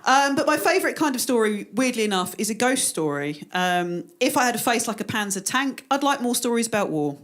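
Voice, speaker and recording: A woman's voice: on the high side, expressive, a little fast, hardly any pauses. A woman in her forties doing a stand-up comedy set on a club stage, with a dry, self-deprecating delivery.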